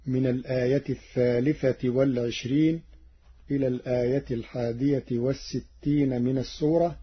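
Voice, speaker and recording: A man from Egypt giving a formal radio lesson on Quran reading variants, measured and deliberate, chanting the verses he quotes. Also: mid-range voice, breathy edge. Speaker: Quran recitation scholar. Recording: dull lo-fi radio broadcast.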